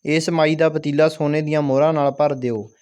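A man reading the part of a kind, generous king in a school play, speaking gently in his own voice. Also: on the high side, fairly even intonation, fairly quick, smooth, lightly acted. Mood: kindly.

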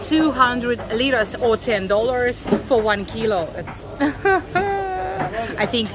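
A Russian woman with a Russian accent vlogging while walking through a fish market, chatting with sellers in halting English with many fillers. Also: a little high, expressive, heavy background noise. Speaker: travel vlogger. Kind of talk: casual walking vlog. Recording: busy crowded market in the background. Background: market crowd.

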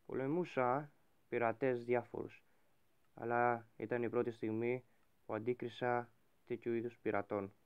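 A man playing a game and role-playing a bossy pirate captain who shouts orders at his crew. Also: mid-range voice, fairly even intonation, smooth, highs cut off. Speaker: gaming YouTuber. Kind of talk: Minecraft role-play commentary.

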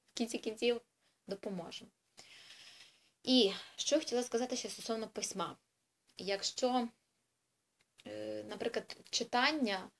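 Woman tutor, informal video lesson for parents; chatty and explanatory, often pausing to hesitate and correct herself, mid-range voice. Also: mid-range voice. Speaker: English tutor for children.

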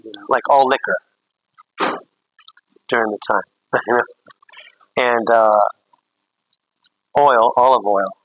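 A man's voice: mid-range voice, a bit bright, no room sound, low-quality recording. A man, a priest, teaching a catechism class in a rambling, anecdotal way with jokey asides.

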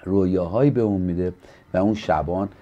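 Pastor guy from iran on a church tv talk show, low mellow voice, earnest and preachy. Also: dull audio, slight background noise. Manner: earnest and preacherly, acting out quoted people with a livelier voice. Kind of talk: studio talk show, teaching about church life.

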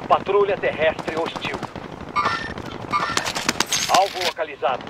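Robotic turret voice for a shooter game: an automated gun calling targets, clipped and flat, mid-range pitch. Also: slow pace, very noisy. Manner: clipped, flat military callouts. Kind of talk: in-game voice line.

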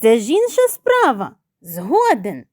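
A woman voicing a cheeky young boy chick in a storybook, talking in a high, eager way. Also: wildly swooping pitch, slow pace, darkish tone, dry recording, clean studio sound, exaggerated voice.

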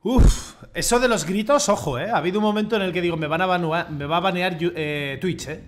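High-voiced streamer, gloating and loud. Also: male voice, fairly quick, a little hiss or hum. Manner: loud gloating shouts and taunts, swearing. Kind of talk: gaming stream chat.

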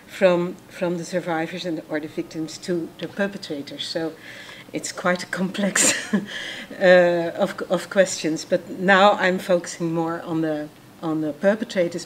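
A woman researcher describing her interests slowly and thoughtfully, with many hesitations, in a seminar room. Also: fairly low pitch. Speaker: researcher, conference panelist. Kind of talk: self-introduction at an academic workshop. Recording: faint room noise.

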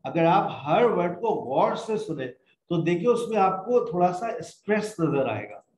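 A man's voice: high voice, sing-song, a little slow, darkish tone. Patient male English teacher, echoey room. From Pakistan. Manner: explains patiently, mixes English phrases into his talk, addresses students as "beta". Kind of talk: spoken English lesson.

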